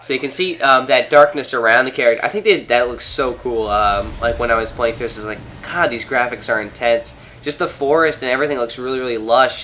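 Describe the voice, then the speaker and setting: A Canadian man with a cold, his medium-pitched voice nasal and sharp, hosts a gaming video from home while playing on a TV. His casual gameplay commentary rambles, full of fillers and restarts. Slight background noise can be heard.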